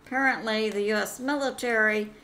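A woman hosting her own channel, talking through news commentary on her own, pausing often with fillers and correcting herself as she goes. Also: a little high, steady tone, bright, forceful tone. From United States. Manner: slow, halting, with many "uh" fillers and self-corrections. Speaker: channel host.

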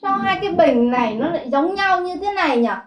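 A woman's voice: very high voice, animated, fairly quick, crowd noise. A woman playing a brash, gossipy rich landlord's wife in a slapstick comedy film, blunt and bossy. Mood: indignant gossiping. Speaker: comic lead. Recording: echoey room with music underneath.

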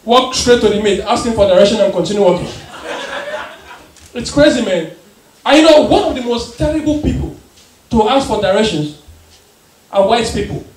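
A man's voice: high voice, normal speed, long pauses. A young man with a Ghanaian English accent doing a stand-up comedy set, telling stories, playing the people in them and slipping into pidgin. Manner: storytelling, acts out the people in his stories, mixes in pidgin. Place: live venue with an audience. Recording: echoey room, picked up from a distance.

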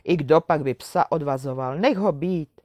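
Selfish older brothers from a fairy tale, scornful and dismissive, as a woman reading aloud puts them on. The voice is low and mellow, recorded dry and close. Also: no echo.

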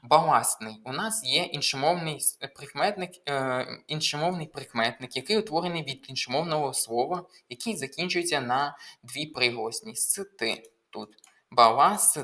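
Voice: medium pitch, moderate pace, fairly bright tone. Methodical tutor explaining exam answers. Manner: methodical, explains step by step with frequent hesitations. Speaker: language tutor. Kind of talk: exam walkthrough lesson.

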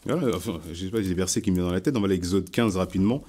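Low, mellow-voiced man preaching casually. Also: racing. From France. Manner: conversational, repeats words and restarts often. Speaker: Bible study leader. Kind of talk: informal preaching and testimony.

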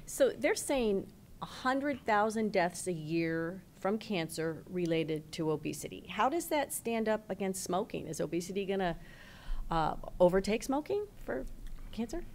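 A woman's voice: medium pitch, animated, unhurried, darkish tone, slight background noise. A middle-aged woman hosting a studio panel, asking probing questions. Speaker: host. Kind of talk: studio interview. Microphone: desk mic.

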